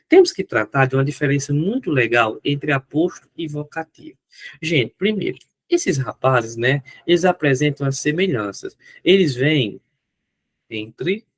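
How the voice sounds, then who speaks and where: Lively Brazilian male teacher. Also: fairly high pitch, no room sound. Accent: Brazilian Portuguese. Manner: animated, asks questions and answers them himself. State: strained throat. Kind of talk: online grammar lesson.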